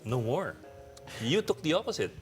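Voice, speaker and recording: A man co-hosting an interview, asking questions in a halting way with many restarts. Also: fairly high pitch, very animated, soft background music. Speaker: co-host.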